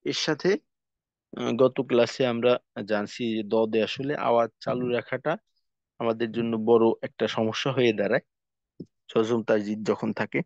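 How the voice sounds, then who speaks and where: A man's voice: medium pitch, steady tone, a little mellow, no echo. A man teaching Quran letter pronunciation in a recorded class, explaining each step and then drilling the sounds over and over. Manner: slow, explains steps, then demonstrates sounds in repeated drills. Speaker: tajweed teacher. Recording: dull lo-fi sound.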